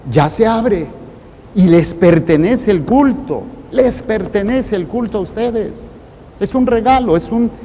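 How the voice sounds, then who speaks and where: Male priest, Mexican accent, mellow tone, deliberate phrasing, long reverb and faint noise. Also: high-pitched. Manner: deliberate, in short broken phrases with pauses. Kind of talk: preaching a sermon.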